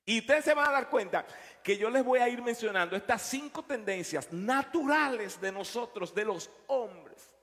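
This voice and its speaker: A man preaching a sermon, telling a story with animated delivery and frequent repetitions. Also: very high-pitched, normal speed, big-room sound. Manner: storytelling, animated, repeats words. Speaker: pastor. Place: church.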